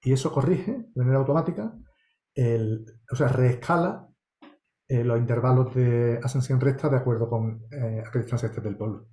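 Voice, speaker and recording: A man's voice: mid-range voice, normal speed, mellow, echoey room. A man from Spain answering course questions as an astronomy lecturer, meticulous and explanatory, often checking in with tag questions. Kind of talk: online course Q&A.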